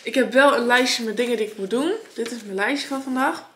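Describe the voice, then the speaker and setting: A woman's voice: fairly high pitch, a little fast, a bit bright, a little hiss or hum. A young woman in her late teens, chatting upbeat and enthusiastic to a handheld phone camera in a family vlog. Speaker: family vlogger. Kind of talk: casual vlog chat to camera.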